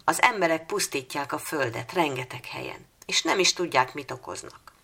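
A woman with a low, creaky voice voicing an earnest, determined young girl in a storybook reading, in an eager, pleading manner. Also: expressive, bright, forceful tone, full character voice.

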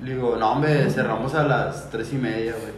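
A man's voice: mid-range voice, fairly even intonation, moderate pace, reverberant, slight background noise. A man with a Mexican accent telling a crude, slang-heavy story as a podcast guest, forever saying "güey". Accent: Mexican Spanish. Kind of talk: casual storytelling. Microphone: podcast mic.

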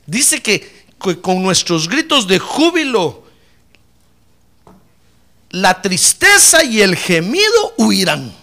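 A man preaching a fiery sermon in church, dropping to low asides and then rising to shouted praise. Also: sing-song, slow, pauses often. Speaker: pastor.

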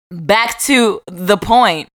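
A woman's voice: medium pitch, drawn-out words, dry recording. A woman co-hosting a podcast in casual chat, giggly and teasing. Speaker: podcast co-host.

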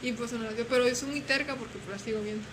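A young woman telling stories in casual chat, animated and acting out voices. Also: on the high side, fast. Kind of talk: casual storytelling. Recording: noisy room.

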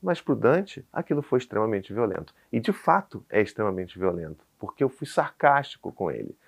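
A man in his thirties with a Brazilian Portuguese accent speaks briskly in a low, gravelly voice with a breathy edge. He's a podcast guest and father of four, animatedly telling a story in casual chat and acting out the dialogue.

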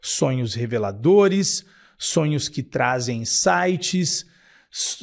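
A man hosting a guided meditation, addressing listeners directly in a husky, creaky voice. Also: a little high, a little mellow. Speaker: guided meditation podcast host.

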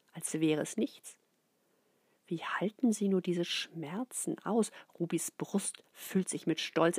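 A middle-aged woman reads a children's book aloud in an expressive way, often dropping into soft whispers. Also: lowish voice, husky, no room sound. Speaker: narrator.

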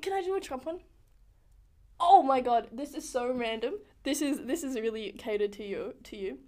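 A woman's voice: high voice, lively intonation, normal speed, mellow. A young Australian woman co-hosting a podcast in casual chat, giggling often, swearing freely and trying silly impressions. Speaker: podcast co-host.

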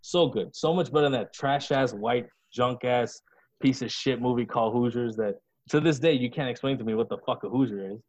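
This podcast co-host has a mid-range voice and talks a little quickly, keeping the casual conversation crude and full of jokes. The recording sounds slightly dull and lo-fi.

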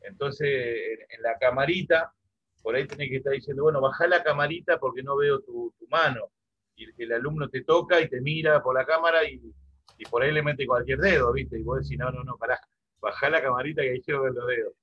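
A man's voice: mid-range voice, fairly quick, husky, dull audio. A middle-aged Argentine man, a musician and music teacher from Santa Fe, talking casually in an interview over a video call. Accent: Argentine Spanish (rioplatense voseo).

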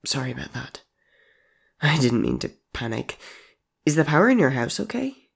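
A storyteller voicing Aaron, a gentle, caring young man who speaks earnestly and reassuringly. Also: medium pitch, sing-song, a little fast, vocal fry, voice pushed up. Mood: concerned. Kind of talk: audiobook character voice.

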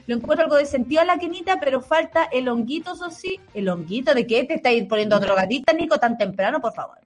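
A woman's voice: sits high, animated, quick pace, faint music behind. A Chilean woman co-hosting a podcast, telling stories in casual, slangy chat and laughing often. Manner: chatty storyteller, slangy and laughing. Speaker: podcast co-host.

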